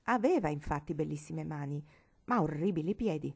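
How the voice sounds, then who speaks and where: A woman's voice: low-pitched, animated, moderate pace, creaky, darkish tone, breathy edge, exaggerated voice. A woman reading a storybook, voicing a blunt, jovial middle-aged uncle in an amused, teasing manner.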